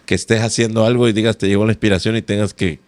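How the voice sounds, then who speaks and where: A man's voice: on the low side, level tone, rapid-fire, no echo. A man hosting a casual podcast interview, telling rambling anecdotes and tagging his sentences with little questions. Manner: chatty, rambling anecdotes with frequent tag questions. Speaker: podcast host.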